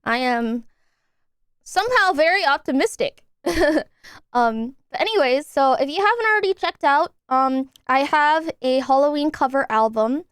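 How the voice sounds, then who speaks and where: A woman's voice: sits high, expressive, a little slow, no echo, studio quality. A young woman streaming live, chatting casually and thanking her subscribers in an upbeat way while recovering from nose surgery.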